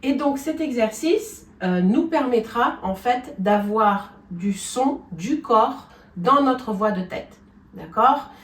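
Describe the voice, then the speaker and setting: A woman's voice: on the high side, animated, slow pace. A woman vocal coach gives a singing lesson, explaining things step by step and often checking in with her students. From France. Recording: echoey room, from a distance.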